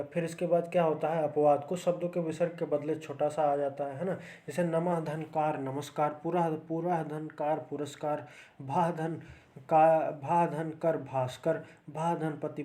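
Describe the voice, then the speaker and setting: A man's voice: on the high side, warm tone. A man teaching grammar for exam preparation, explaining step by step and checking in often with the viewer. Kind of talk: exam-prep grammar lesson.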